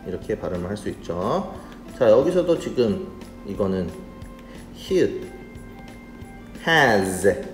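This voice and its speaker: A man teaching children English phonics in a slow, patient, friendly manner, spelling words out letter by letter. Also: lowish voice, mellow. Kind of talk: children's reading lesson. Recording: roomy sound with faint music.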